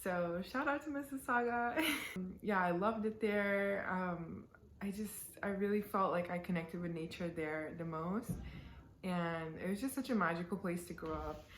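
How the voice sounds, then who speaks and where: A vlogger in her twenties, born in the UAE and raised in Canada, chats casually to camera during a Q&A, giggling and using lots of fillers. Her voice is fairly low and her pace measured, with slight background noise and a roomy echo.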